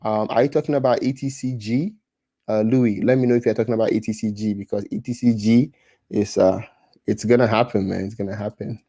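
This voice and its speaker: A man from Ghana in his thirties hosts a casual livestream, reading viewer comments in a Ghanaian accent. His fairly low, mellow voice keeps a steady tone and runs a little fast, with no room sound, as he often restarts and repeats words.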